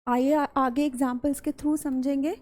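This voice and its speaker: Explaining step by step and repeating key words, an Indian English-accented woman teaches English grammar class-style in a blend of Hindi and English. Her voice sits high and a little mellow, with little pitch movement, at a moderate pace.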